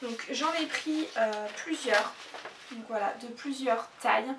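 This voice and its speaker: A woman's voice: fairly high pitch, a little slow, noisy background. A woman chatting casually in a haul video, hesitating often with fillers. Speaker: YouTuber. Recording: echoey room, mic at a distance.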